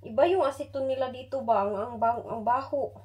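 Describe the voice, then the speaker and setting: A woman's voice: fairly high pitch, a little fast, a little mellow. A middle-aged Filipino woman with a Filipino accent, chatting casually in a home vlog and telling stories while switching between languages. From Philippines. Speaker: vlogger.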